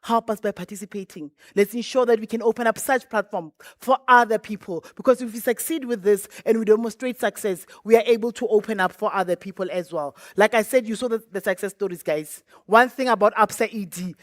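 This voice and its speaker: A woman's voice: medium pitch, fairly quick, hardly any pauses, no echo, studio quality. A woman giving a closing speech at a launch event as a bank programme representative, earnest and chatty with repeated thanks and pleas. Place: event venue stage.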